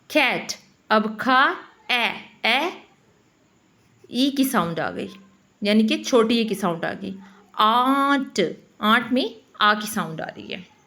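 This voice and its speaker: A woman teaching phonics to other teachers, slowly explaining and repeating each letter sound aloud. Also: fairly high pitch, a bit bright.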